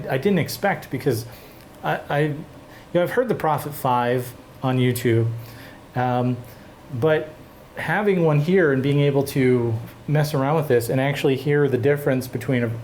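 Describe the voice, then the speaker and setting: A man hosting a casual chat about synthesizers, relaxed and rambling with fillers and restarts. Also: mid-range voice, slight background noise. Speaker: host of a synthesizer show.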